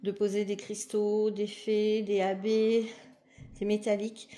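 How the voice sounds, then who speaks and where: Chatty woman with a mellow voice. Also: mid-range voice, level tone, slow pace. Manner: chatty and enthusiastic, with fillers and restarts. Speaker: diamond painting vlogger. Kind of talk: casual unboxing chat.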